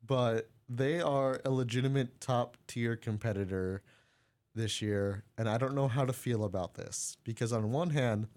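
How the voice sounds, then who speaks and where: A man's voice: mid-range voice, measured pace, darkish tone. Joking man riffing on racing. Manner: joking, laughs mid-sentence, rambling. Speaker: podcast co-host. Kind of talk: casual sports chat. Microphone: studio mic.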